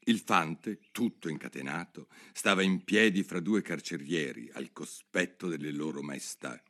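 A man reading a children's classic aloud as an audiobook narrator, in an expressive, measured way. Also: low-pitched. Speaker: storyteller.

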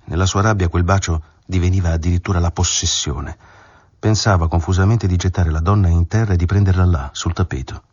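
A man narrates a literary novel in a measured, dramatic way. His voice is very low and husky. The recording is dull, lo-fi and dry. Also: fairly even intonation, a little mellow, dry recording. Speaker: audiobook narrator.

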